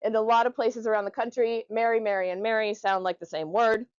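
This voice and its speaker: A woman's voice: a little high, fairly even intonation, a little fast, clean tone, no echo, highs cut off. A woman giving an informal, jokey explanatory talk to a group, conversationally demonstrating how words are pronounced. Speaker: presenter.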